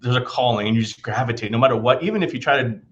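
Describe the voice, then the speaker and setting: Fast-talking male podcast host. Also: mid-range voice, a bit bright, highs cut off. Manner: eager and agreeable, stammering restarts. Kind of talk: casual interview talk.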